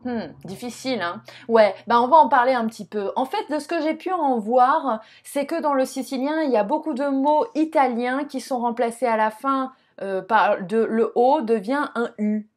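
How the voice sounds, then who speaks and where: A young woman teaching Italian in a relaxed video lesson. Her voice sits a little high, and she chats and jokes as she talks straight to the viewer. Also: normal speed, few pauses. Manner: chatty, jokey, addresses viewer directly.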